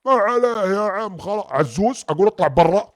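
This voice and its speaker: A man voicing a gruff, exasperated young man who scolds in a deep put-on voice, in a game role-play film. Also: animated, fast. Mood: annoyed.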